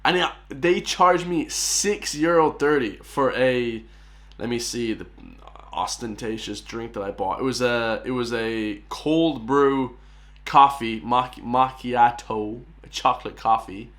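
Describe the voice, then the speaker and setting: An Irish-accented man hosting a reaction video at a middle pitch. He chats excitedly to his viewers, calling them guys as he comments. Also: a little slow. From Ireland.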